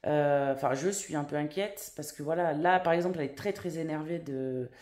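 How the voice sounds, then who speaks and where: A woman's voice: low-pitched, a little fast, darkish tone. A woman vlogging at home in casual chat, rambling with many fillers and restarts. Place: at home, indoors. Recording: echoey room.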